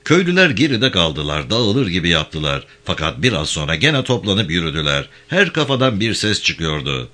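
A man narrating a story with an expressive reading. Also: deep voice, normal speed, few pauses. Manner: expressive, lively delivery. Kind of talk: storytelling read-aloud.

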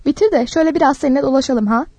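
A woman's voice: high voice, very fast, darkish tone, no room sound. A woman voicing a fond middle-aged uncle who coaxes and teases his nephew in a storybook reading. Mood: gentle. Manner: coaxing, teasing.

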